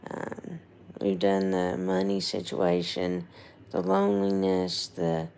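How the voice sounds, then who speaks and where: Hoarse woman losing her voice, heavily creaky. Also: very deep voice, big pitch swings, slow pace, darkish tone, slight background noise. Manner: rambling, informal, checking in with viewers. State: hoarse, losing voice, throat gone. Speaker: livestream host, nursing home resident. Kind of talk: casual livestream chat.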